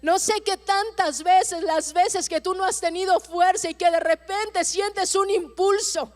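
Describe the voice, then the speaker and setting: A woman's voice: very high-pitched, steady tone. A middle-aged woman pastor, preaching an impassioned, emphatic sermon. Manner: impassioned preaching, slow and emphatic, acting out cries for help.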